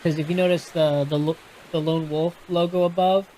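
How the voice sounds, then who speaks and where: The audio is poor with slight background noise, carrying a mellow, fairly high-pitched male voice with little pitch movement at a moderate pace. He has a Texan accent and reads a gamebook aloud, casually explaining its rules to a live audience with frequent restarts and self-corrections.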